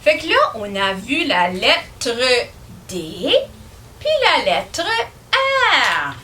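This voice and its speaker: A young woman with a Québécois accent teaching young children, asking them questions in a slow, sing-song way. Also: on the high side, wildly swooping pitch, bright, forceful tone, slight background noise. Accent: Québécois French. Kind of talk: children's lesson.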